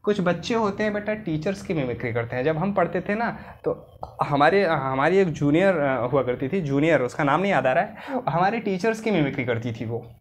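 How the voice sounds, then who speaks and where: A man teaching biology in a casual, chatty way, speaking with an Indian accent, addressing students fondly and slowing down to dictate. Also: fairly high pitch, lively intonation, slight background noise. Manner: chatty, calls students "beta", slows right down to dictate English. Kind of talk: casual classroom lecture.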